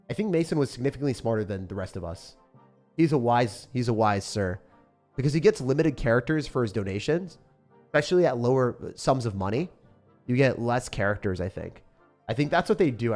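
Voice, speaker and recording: With a medium-pitched voice, a young gamer streams live, cracking jokes, reading out viewer messages and tossing around words like "bro" and "man" in casual chat.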